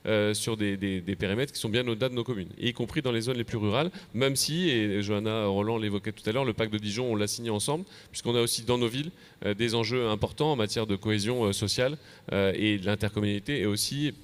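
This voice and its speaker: Speaking as an association official at a convention plenary session, a Frenchman with a French accent delivers a semi-prepared conference presentation. His voice sits on the low side, and he halts and repeats words as he goes.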